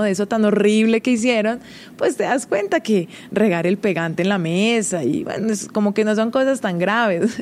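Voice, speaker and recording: A woman's voice: medium pitch, darkish tone. A woman, hosting a casual, confiding monologue and laughing often as she talks. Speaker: host.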